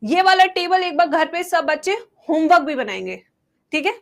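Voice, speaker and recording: High-voiced woman teacher dictating notes. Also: expressive. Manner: Hindi-English mix, drawn-out dictation alternating with quick asides. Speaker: biology teacher. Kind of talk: exam-prep lesson, dictating a table.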